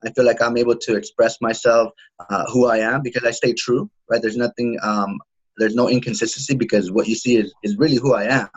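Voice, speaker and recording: A man's voice: medium pitch, steady tone, husky, lo-fi sound. A man in his thirties talking casually as an interview guest, often restarting his sentences and filling with "uh" and "you know". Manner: halting, many restarts and fillers. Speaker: guest, home security salesman.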